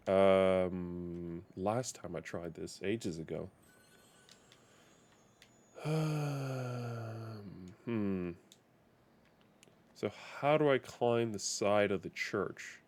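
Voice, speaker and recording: A man's voice: on the low side, expressive, takes it slowly, pauses often. Rambling male game streamer. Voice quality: rambling, self-correcting. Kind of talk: casual live game stream chat.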